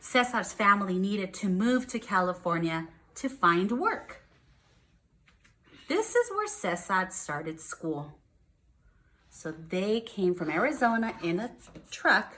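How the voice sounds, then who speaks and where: A woman with a fairly low pitch and a fairly bright tone leads a read-aloud lesson for first graders. She keeps her explanations simple and puts weight on key words.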